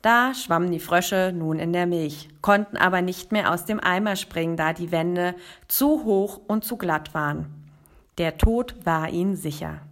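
A woman's voice: lowish voice, unhurried. A woman hosting a motivational podcast as a life coach, speaking emphatically and addressing the listener directly. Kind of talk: motivational podcast monologue with storytelling.

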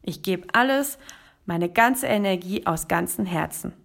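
A woman's voice: fairly low pitch, expressive, a little slow, gravelly, full character voice. A woman voicing a stubborn, brave frog in a spoken storybook tale, with determined self-encouragement. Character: stubborn, brave frog who keeps going.

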